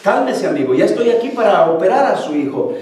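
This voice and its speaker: A man plays a patient surgeon who speaks in a calm, soothing way. His voice sits high and rings through a big hall from far off. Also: fast.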